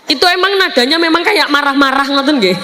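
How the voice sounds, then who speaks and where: A woman's voice: sits high, fast talker, sharp tone, some chatter behind. A woman from Java with a Javanese accent, preaching a humorous sermon and joking with her audience. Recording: echoey hall with faint noise.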